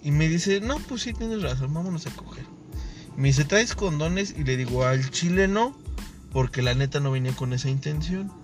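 A young Mexican man in his twenties tells a crude, slang-heavy story among friends, acting out every line of dialogue. His voice sits a little high, and faint music plays behind him. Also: lively intonation, normal speed. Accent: Mexican Spanish. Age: 20s. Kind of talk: casual chat.

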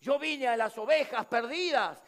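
Brief: stern, commanding Jesus , put on by a preacher, Rioplatense, high and loud. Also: male voice, a little slow. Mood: firm. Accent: Rioplatense Spanish. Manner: firm, declaring. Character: stern Jesus, calm male teacher. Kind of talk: sermon storytelling.

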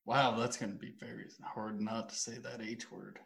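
A man playing a word-guessing game on a radio show, excitable and laughing often as he fumbles his clues. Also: fairly low pitch, normal speed, gravelly, roomy sound. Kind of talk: casual joking banter.

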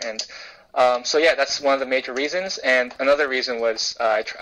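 Young male journalist, raised in the US, relaxed interview answers, thoughtful, plenty of fillers. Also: medium pitch, poor audio. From South Korea, raised in the US. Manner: thoughtful, frequent fillers and restarts. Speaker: journalist guest.

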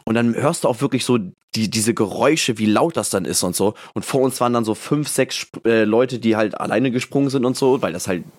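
Male podcast co-host, mid-range voice, chatty and animated, acts out his own reactions while telling a story. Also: medium pitch, brisk, hardly any pauses. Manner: animated storyteller, fills speech with "so" and "und so"; acts out his own thoughts as quoted lines. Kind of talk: casual chat, storytelling.

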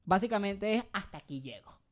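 A woman chatting casually, blunt and excitable, with plenty of slang. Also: mid-range voice, brisk. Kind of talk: casual chat.

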